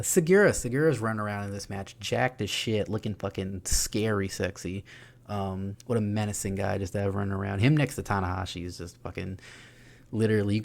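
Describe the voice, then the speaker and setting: A young man giving an excited, profane, laughing recap of a wrestling show. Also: fairly low pitch, creaky. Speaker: wrestling reviewer.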